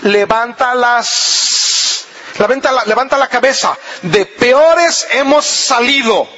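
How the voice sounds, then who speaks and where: A preacher voicing a firm, steady mother. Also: fairly high pitch, takes it slowly, muffled recording, exaggerated voice. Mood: firm, encouraging. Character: steady, brave mother rallying her family.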